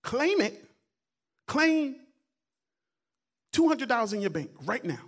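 Guy preaching a sermon, really high voice, gets loud then drops quiet, repeats himself a lot. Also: sing-song, takes it slowly. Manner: preaching, swings between quiet asides and loud emphatic calls; colloquial, repeats words and phrases. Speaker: guest pastor.

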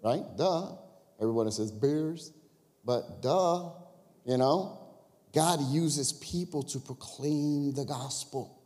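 Pastor from the Chicago area, mellow male voice, chatty confessional sermon style, long church-hall reverb. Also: fairly high pitch, slow. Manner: conversational storytelling with confessions and crowd asides. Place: church sanctuary.

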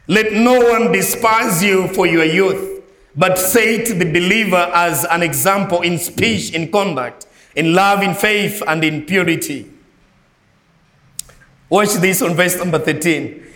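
A Malawian guest preacher delivers a sermon in a church, swinging between soft, low phrases and raised, ringing lines. He speaks with a Malawian accent, and the sound is roomy.

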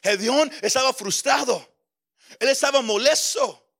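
A man's voice: extremely high pitch, measured pace, creaky, a bit bright. A male pastor preaching a sermon with impassioned delivery, often stammering over repeated words.

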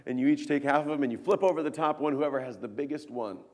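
A man in his thirties preaching a sermon as pastor, earnest, moving between hushed tones and emphatic peaks. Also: fairly high pitch, fast. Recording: long reverb of a church hall.

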